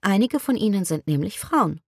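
A woman reading an audiobook, voicing a cheerful young woman who bakes cookies, lifting her voice to sound bright and eager. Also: medium pitch, expressive, normal speed, gravelly, no echo, studio quality, voice pushed up. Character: cheerful young petite blonde woman baker.

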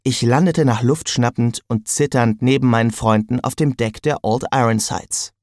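A man narrates an audiobook in the first person, with a mid-range voice and wry, even delivery. The recording is dry and close. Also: mid-range voice, normal speed, no echo.

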